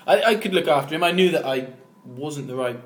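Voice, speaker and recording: A man's voice: on the high side, a little fast. A British man co-hosting a podcast in casual chat, jokey and laughing often. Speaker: podcast co-host. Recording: roomy echo, faint ambience.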